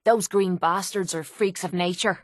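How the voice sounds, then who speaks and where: In video game character dialogue, a woman voices a cynical, defiant young female brawler with an Irish accent, her delivery blunt, sardonic, slangy and irritated. Her lowish voice keeps a fairly even intonation at a moderate pace, close to an everyday voice, with clean, echo-free studio sound.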